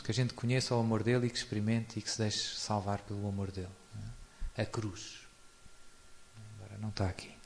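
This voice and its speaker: A man's voice: medium pitch, a little mellow. A man with a European Portuguese accent giving an informal spiritual talk, speaking conversationally and often adding tag questions. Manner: chuckles often while explaining. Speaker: religious speaker.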